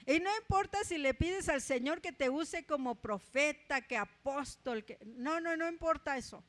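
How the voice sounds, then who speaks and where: A Mexican woman with a Mexican accent preaching a conversational sermon, often tagging her points with a quick aside and telling personal stories with humor. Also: high voice, fairly bright tone. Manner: chatty, tags asides with ¿verdad?, tells personal stories with humor.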